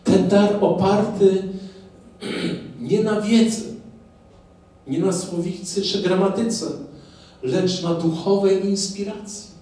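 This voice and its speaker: A man's voice: sits high, steady tone, slow, long pauses, dark tone. A man preaching a sermon to his congregation, putting rhetorical questions to them and drawing their responses. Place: church hall. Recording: very echoey, from far off.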